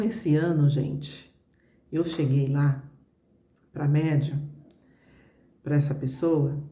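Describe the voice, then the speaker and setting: A middle-aged Brazilian woman with a Brazilian Portuguese accent tells her viewers a personal story. Her voice is deep and mellow, and she keeps a chatty tone with many little asides to the audience. The recording carries a noticeable room echo. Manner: conversational, fillers like "né" and "gente", addresses viewers directly. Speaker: travel vlogger.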